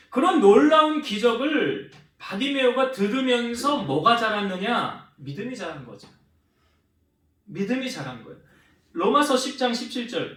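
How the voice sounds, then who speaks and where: Lively, high-voiced preaching man. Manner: asks the congregation questions and answers them himself; acts out quoted speech with shifts in pitch and loudness. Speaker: pastor. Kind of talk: sermon. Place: church sanctuary. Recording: roomy church hall with the mic some distance away.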